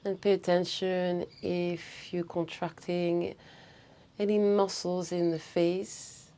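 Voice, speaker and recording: Female breathwork guide: soft mellow tone, touch of vocal fry, unhurried soothing instructions, slight noise behind. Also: lowish voice, flat delivery. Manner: soothing, unhurried guidance with short phrases.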